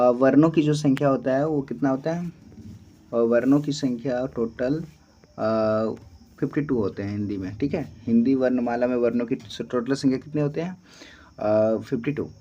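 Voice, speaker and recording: A man's voice: mid-range voice, dark tone. A young man giving a spoken English lesson, patiently repeating each point and answering his own questions. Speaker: teacher.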